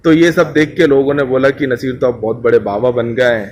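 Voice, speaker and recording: A man's voice: mid-range voice, flat delivery, a little hiss or hum. A man telling a saint's legend in conversation, acting out the quoted dialogue as he goes. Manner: acts out quoted dialogue with shifts in loudness. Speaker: storyteller at a Sufi shrine.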